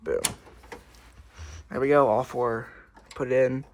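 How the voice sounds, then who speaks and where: A man's voice: medium pitch, lively intonation, slow pace, a little hiss or hum. A man narrating casually to himself as he installs hardware, breathing hard. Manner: muttering to himself while working. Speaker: tech vlogger.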